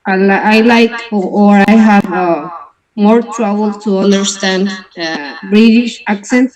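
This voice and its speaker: Slow, halting Mexican Spanish-accented woman. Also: mid-range voice, darkish tone, low-quality recording. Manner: hesitant, many fillers and restarts. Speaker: club member. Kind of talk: casual online conversation. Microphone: video call.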